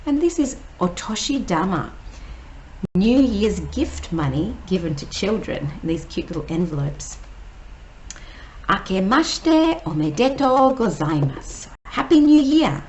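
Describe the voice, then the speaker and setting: A woman teacher, reading a picture book aloud slowly and explaining each word. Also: on the low side, big pitch swings, darkish tone, a little hiss or hum, low-quality recording. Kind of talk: read-aloud storytime.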